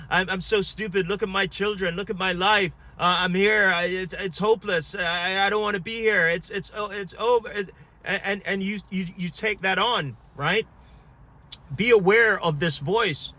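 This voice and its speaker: Man, self-help video host, bright tense voice, halting delivery full of fillers. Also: sits high. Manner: hesitant, many fillers and restarts. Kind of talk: casual talk to camera.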